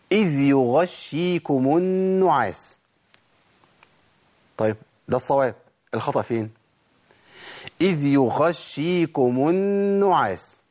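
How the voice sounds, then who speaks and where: A man with an Egyptian accent teaching tajweed, asking and answering his own questions and reciting examples slowly. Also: mid-range voice, darkish tone. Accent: Egyptian Arabic. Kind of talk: tajweed lesson on letter pronunciation.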